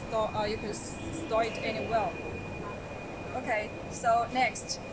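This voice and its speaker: A woman with a fairly high voice presents a product live in a polite, halting sales manner. Loud ambient noise runs behind her throughout. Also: flat delivery. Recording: loud noisy trade show floor ambience.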